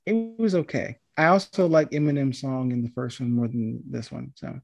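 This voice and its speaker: A man's voice: medium pitch, normal speed, creaky, a little mellow. A man chatting casually about a film he just saw, hesitant and meandering, with many ums and restarts. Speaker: movie review co-host. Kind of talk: casual chat.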